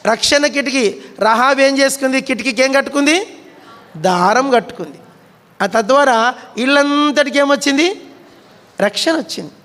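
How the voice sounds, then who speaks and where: A man's voice: extremely high pitch, a bit bright. A male pastor preaching to his congregation. He poses questions, answers them himself, and calls on people by name. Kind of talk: sermon. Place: large church hall. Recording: reverberant church hall.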